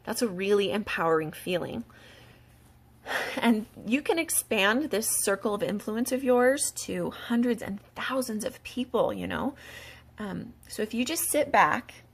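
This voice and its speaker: Woman, casual sales pitch, eager and chatty, gravelly fry. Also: lively intonation, a little slow. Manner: upbeat and eager, with fillers and small laughs. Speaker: beauty product distributor.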